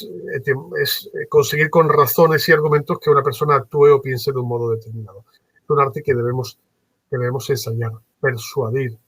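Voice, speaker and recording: A man lecturing as a trainer in a workshop, animated and varying his tone on purpose, with many fillers. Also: mid-range voice, husky, no echo, poor audio. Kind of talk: workshop lecture on phone customer service.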